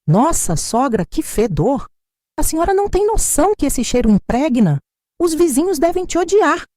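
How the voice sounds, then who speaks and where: A woman's voice: sits high, very animated, normal speed, warm tone, dry recording, studio quality, voice pushed up. A woman voicing a scornful young daughter-in-law who mocks with false, sugary concern. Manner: mocking, falsely caring.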